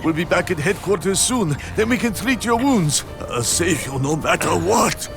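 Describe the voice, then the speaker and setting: Gravelly, imperious monster count. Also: male voice, high-pitched, animated, normal speed, music in the background. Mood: urgent. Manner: formal, imperious, dramatic. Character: stern, secretive old monster count, loyal police buddy. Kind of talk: animated series dub.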